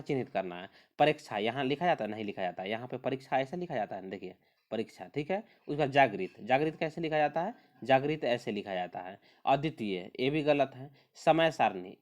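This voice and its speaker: Male exam tutor, animated intonation, repetitive drilling style. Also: mid-range voice. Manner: repetitive, drilling correct spellings; calls on listeners to remember. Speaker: teacher. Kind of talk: exam prep lesson.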